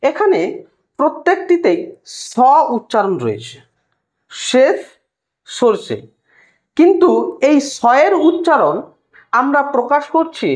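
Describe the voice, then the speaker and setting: A woman tutor with a West Bengal Bengali accent explains a lesson step by step to her students and sounds out single sounds slowly. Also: high-pitched. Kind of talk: recorded lesson lecture.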